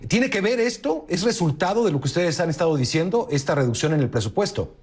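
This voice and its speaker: A man's voice: on the high side, animated, fast talker, breathy edge. A man hosting a television news interview, asking polite, formal questions. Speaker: news anchor.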